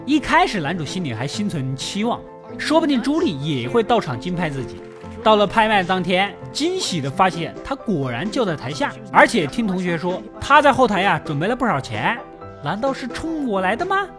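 Over loud film music, a man with a high-pitched, brisk voice and big pitch swings narrates a film recap. He tells it in a chatty storytelling style, tossing playful asides to the listener.

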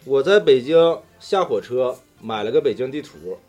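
Mellow Northeastern Chinese man telling stories. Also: medium pitch, lively intonation, moderate pace, faint music behind. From Daqing, northeastern China. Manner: earthy, slangy, swearing. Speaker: talk show storyteller among friends. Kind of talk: casual chat, personal anecdotes.

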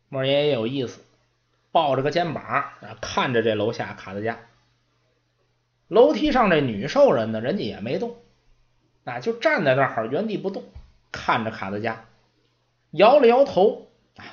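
A man telling a story in chatty storyteller style with lively asides. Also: medium pitch, dull audio.

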